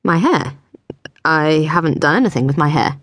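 A woman's voice: sits low, expressive, moderate pace, no echo. A woman voicing a dry-witted young female detective in an audiobook, talking in an understated, wry way. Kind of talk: audiobook dialogue.

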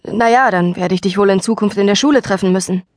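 A woman's voice: mid-range voice, fast, dry recording, clean studio sound, close to an everyday voice. A woman voicing a friendly, casual teenage farm boy in an audiobook.

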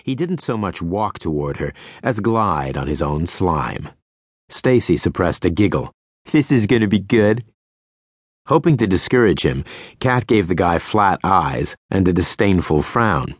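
Male audiobook narrator; unhurried, wry, very animated pitch, dry booth recording. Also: breathy edge, no echo. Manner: measured, wry storytelling. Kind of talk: scripted narration. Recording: dry close studio audiobook.

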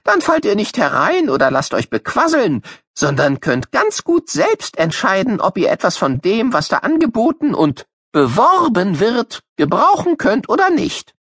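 A man's voice: sits high, huge pitch swings, unhurried, hardly any pauses, a bit bright, breathy edge, dry recording, studio quality, exaggerated voice. A man voicing a cheeky know-it-all boy who explains things to children in a storybook audiobook, in a playful, teasing way.

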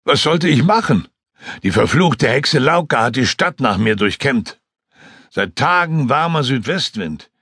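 A man's voice: mid-range voice, lively intonation, unhurried, breathy edge, no echo, clean studio sound, voice pushed up, exaggerated voice. A man voicing a stubborn, reckless male glider pilot who is out of breath and frantically insistent. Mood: defiant. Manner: frantic, insistent, shouting while swimming.

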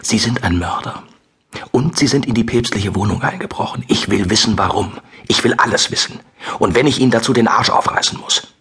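A man narrating as a bull-necked commander in his early fifties, cold and contemptuous, pushing his threats hard. The voice sits low with a husky edge, sharpened into hissed menace in an audiobook thriller. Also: a little fast, fairly bright tone, heavily acted. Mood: hissing threat.

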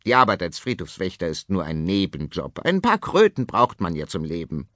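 A cocky tomcat hustler, wildly swooping voice, fast and pushy, dry storybook audio. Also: male voice, sits low, huge pitch swings, a bit bright, dry recording, pitched below the performer's own voice, exaggerated voice. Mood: brash. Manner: fast-talking, boastful and pushy. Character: brash male tomcat film director, cocky hustler.

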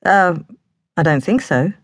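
A woman's voice: on the low side, lively intonation, a little slow, no room sound, studio quality, voice pushed up. A woman voicing a poised female police detective, polite but firm and businesslike.

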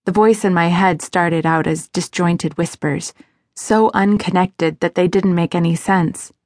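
A woman reading a first-person novel aloud as an audiobook narrator, in a measured, expressive way. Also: lowish voice, no echo, clean studio sound.

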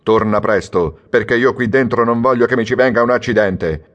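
Man voicing a loud, robust, jeering bookseller. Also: mid-range voice, expressive, a little slow, lo-fi sound, pitched above the performer's own voice, natural voice. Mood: defiant. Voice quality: strong, robust voice. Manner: loud, jeering, mock-serious. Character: boisterous, mocking male bookseller. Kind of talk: audiobook character reading.

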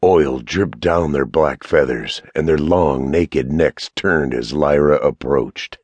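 A man narrating a fantasy audiobook in a measured, even storytelling manner. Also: a bass voice, husky, no room sound.

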